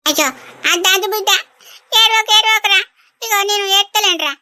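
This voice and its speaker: A weepy, doting old village grandmother, put on by a woman, squeaky-high and brassy bright. She coos and fusses endlessly over her grandchild. The sound is dry and close in this cartoon dub. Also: brisk, no echo, full character voice. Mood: soothing. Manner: coaxing, clucks endearments over and over. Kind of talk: animated village comedy dub.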